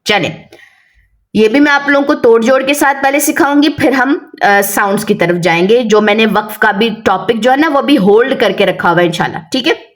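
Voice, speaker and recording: A woman with a Pakistani Urdu accent, teaching a Quran reading lesson and patiently drilling syllables, slowly and with repetition. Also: a little high. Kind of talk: step-by-step recitation lesson.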